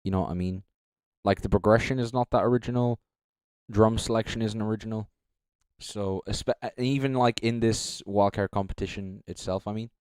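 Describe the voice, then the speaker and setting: A young man with a fairly low voice talks through his judging on a live stream. He rambles, corrects himself mid-sentence and swears without a second thought. The sound is close and dry. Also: steady tone, normal speed, a little mellow, smooth, no room sound. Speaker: streamer judging beatbox entries. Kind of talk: casual live-stream commentary.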